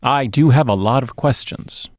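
At normal speed and medium pitch, a middle-aged man co-hosts a casual movie review podcast, speaking emphatically right up against his boom-arm mic. The small, dark, sound-treated booth leaves no echo.

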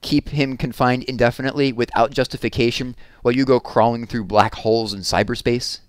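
A man reading aloud, voicing a sharp, probing female lawyer who questions coolly and pointedly. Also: mid-range voice, steady tone, fairly quick, clean tone, no echo, pitched above the performer's own voice, natural voice.

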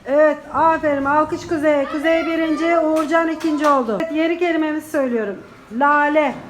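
A woman's voice: sits high, fairly even intonation, fast, a crowd in the background. A woman primary school teacher dictating words and short phrases to young pupils, repeating them and giving instructions and encouragement. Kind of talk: classroom dictation drill. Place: indoor classroom.

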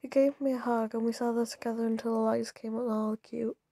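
Young woman, slightly hoarse and mellow, reading a story aloud and reacting chattily between lines. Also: on the high side, little pitch movement, a little fast, no room sound. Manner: chatty, giggly, stumbling restarts. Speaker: YouTuber reading stories.

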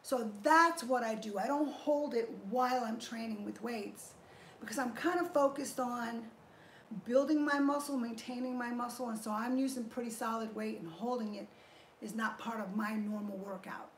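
A middle-aged woman runs a relaxed fitness livestream from her garage gym, her slightly high voice moving at a moderate pace with fairly even intonation. Upbeat, she thanks viewers and explains her training step by step. A fixed camera a few feet away records the echoey room along with a little hiss or hum.

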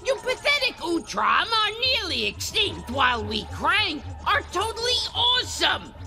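A woman performs a vain, sneering alien villain commander in a game cutscene, high-pitched and swinging wildly up and down as she taunts. She drawls her insults slowly over loud game music. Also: big pitch swings, vocal fry, exaggerated voice. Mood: gloating.

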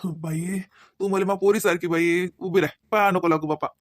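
A man voicing a gentle, forgiving middle-aged father-in-law. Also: high-pitched, steady tone, normal speed, dry recording, clean studio sound, close to an everyday voice. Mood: consoling. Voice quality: gentle, consoling.

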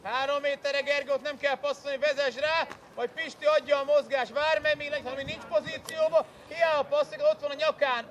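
High-voiced man coaching from the sideline. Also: fairly even intonation, hardly any pauses, highs cut off. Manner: loud, instructive, urgent commands. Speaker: youth football coach. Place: outdoor football pitch. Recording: noisy outdoor pitch recording.

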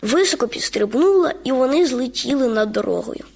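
Woman storyteller, high-pitched, lively children's radio reading. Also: fairly quick, creaky. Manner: lively, expressive. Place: radio studio.

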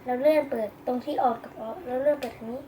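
A woman's voice: sits high, steady tone, fast talker, very noisy. A female speaker presenting a casual product review, politely addressing viewers. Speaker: toy reviewer.

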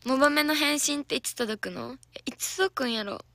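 A hoarse young woman with a Kansai accent, an idol trainee giggling and chatting casually with viewers on a livestream from a soundproof room. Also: sits high, moderate pace, bright, forceful tone, dry recording. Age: young adult.

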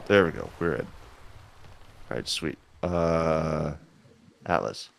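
A man's voice: extremely low pitch, lively intonation, slow pace, creaky. A man streaming a game and chatting casually with his audience and fellow players. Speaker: gaming streamer. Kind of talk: casual gameplay chat.

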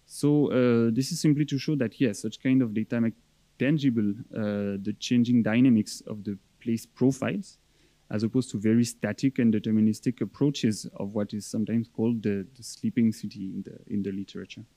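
Young male researcher for a conference talk: mellow, measured and hesitant, closely dry recording. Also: lowish voice, fairly even intonation, dry recording. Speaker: academic researcher presenting. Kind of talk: conference presentation.

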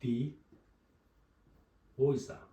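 Roomy man teaching from a distance. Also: warm tone. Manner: repeats each example word slowly. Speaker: German language teacher. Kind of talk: board lesson explaining pronunciation. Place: room with a writing board.

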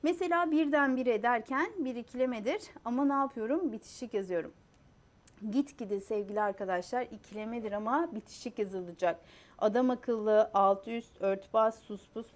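A woman's voice: fairly high pitch, moderate pace. A young adult woman teaching a lesson on spelling rules. She asks rhetorical questions, repeats key points and spells out letters one by one. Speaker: Turkish language teacher.

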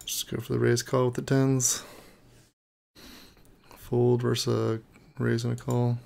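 Gravelly dude muttering thru his poker hands, swears a lot, super casual. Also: mid-range voice, completely flat delivery, unhurried, dark tone. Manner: casual, profane, muttering to himself. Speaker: poker streamer. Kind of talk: live poker commentary.

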